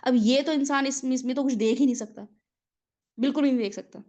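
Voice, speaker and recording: A woman's voice: sits high, warm tone. A woman who is a mother gives a conversational religious lesson, explaining patiently with everyday examples and often checking in with her listeners. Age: adult mother of children. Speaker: religious teacher.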